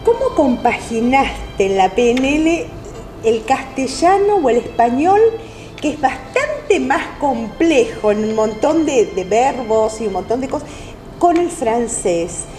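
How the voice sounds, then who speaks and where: A woman interviewer with a Rioplatense Spanish accent speaks in a high, lively voice with a mellow, dark tone. She asks questions and keeps nodding along with short affirmations. Faint music plays behind her. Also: takes it slowly, low-quality recording. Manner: encouraging, frequent affirmations. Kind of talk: interview conversation.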